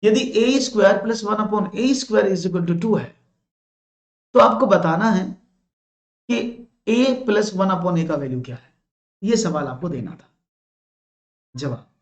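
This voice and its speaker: A man's voice: sits high, expressive, unhurried, long pauses. A male maths teacher from India leading a live online exam-prep class, praising answers and explaining each step patiently. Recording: roomy, dull lo-fi sound.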